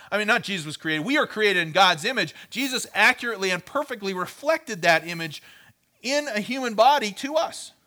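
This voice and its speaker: A man's voice: high-pitched, bright, forceful tone. A man teaching a sermon in a conversational way, often checking in with his listeners and repeating words as he thinks aloud. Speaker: pastor.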